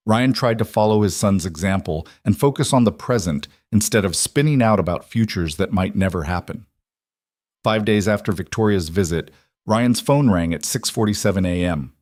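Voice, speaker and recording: A man narrates a story in a calm, even storytelling voice, pitched a little low. The sound is dry and close, with no room around it. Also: no room sound. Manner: calm storytelling, reading every part in one steady voice. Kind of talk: scripted narration.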